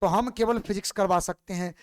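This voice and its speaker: Man teaching with a smooth, clear voice. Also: sits high, fairly even intonation, fairly quick. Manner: patient, repeats questions to students. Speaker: physics teacher. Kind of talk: classroom lecture.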